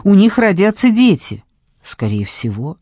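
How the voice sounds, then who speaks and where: A woman voicing a calm, mildly ironic young fiancé, speaking low, measured and soothing. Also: no room sound, clean studio sound.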